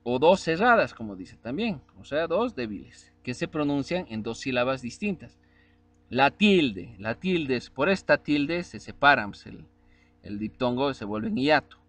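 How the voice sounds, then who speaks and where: Lively male teacher spelling out syllables. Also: medium pitch. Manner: spells out syllables and vowels slowly, asks checking questions. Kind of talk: spelling lesson.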